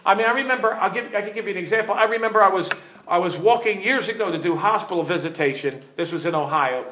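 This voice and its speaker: A middle-aged pastor teaching earnestly from the pulpit, weaving in stories and turning to his listeners with questions. His voice sits a little high for a man, and it rings around an echoey room. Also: fast, sharp tone, a little hiss or hum. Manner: earnest, storytelling, asks the audience questions.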